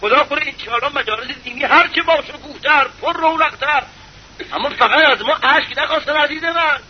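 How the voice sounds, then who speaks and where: A male preacher with a very high voice delivers an impassioned sermon. He piles up rhetorical questions and sometimes breaks into shouts. The recording is slightly muffled, with a faint hiss underneath.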